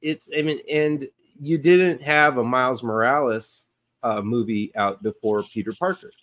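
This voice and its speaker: A man's voice: mid-range voice, a little slow, fairly bright tone. A man co-hosting a podcast, chatting casually about comic book movies and rambling with many fillers and restarts. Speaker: podcast co-host.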